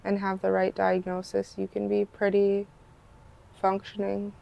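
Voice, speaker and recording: Quiet woman guest with a flat, gravelly voice. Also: mid-range voice, measured pace, lo-fi sound. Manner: quiet, plain-spoken, brief replies. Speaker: podcast guest. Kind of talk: casual interview chat.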